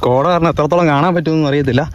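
This travel vlogger from Kerala, India speaks with a Kerala accent in a slightly high voice, racing through his casual Malayalam narration with English words thrown in. He's on a hill path outside, and the noisy handheld recording comes across muffled.

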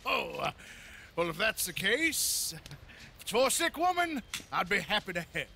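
A slippery snake-oil peddler in a western video game. He has sleazy salesman patter, ingratiating and blustering, in a very high, swooping voice. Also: big pitch swings, moderate pace, creaky, bright, forceful tone, a little hiss or hum, exaggerated voice. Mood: smooth, ingratiating. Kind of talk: video game cutscene acting.

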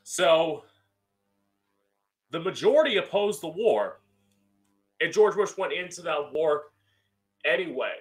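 A man's voice: a little high, animated, takes it slowly, pauses often. A man with a campy drag queen delivery, giving an emphatic, opinionated monologue as host into a close studio mic. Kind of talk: solo opinion monologue to camera. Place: small room at home, indoors. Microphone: close studio mic on boom arm with pop filter.

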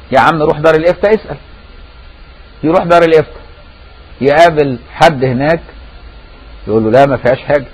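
Poor audio carries a fairly high-pitched male voice with an Egyptian accent as a Sufi scholar teaches a religious lesson. He talks conversationally and often checks whether listeners understand by asking rhetorical questions.

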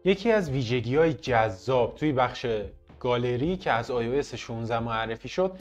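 A man's voice: mid-range voice, lively intonation, a little mellow, highs cut off, soft background music. A man presenting a casual tech tutorial in a chatty, playful way, talking to his viewers as friends. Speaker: tech vlogger.

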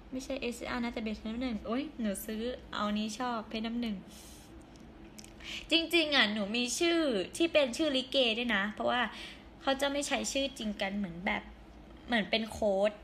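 A hoarse young woman chatting casually on a live stream, giggling and reading viewer comments aloud. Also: on the high side, fairly bright tone, a little hiss or hum.

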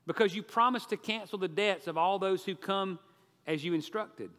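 A man voicing an excited, grateful young male debtor in a story, with eager exclamations. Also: high voice, moderate pace, voice pushed up. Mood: earnest. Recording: reverberant church sanctuary.

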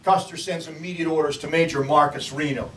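High-voiced ranger telling history dramatically. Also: male voice, fairly even intonation, a little fast, a bit bright. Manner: vivid, acts out quotes. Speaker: park ranger. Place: outdoor battlefield site. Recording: echoey, distant from mic, faint noise.

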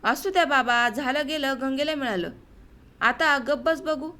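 A woman's voice: high-pitched, measured pace, pushed and bright. A woman voicing a frightened old village mother who pleads in a soothing way. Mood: pleading.

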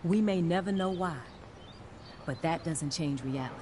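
A woman voicing an earnest, caring science teacher in a video game, speaking in a measured, explanatory way. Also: lowish voice, natural voice. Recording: game audio under a livestream, with background noise.

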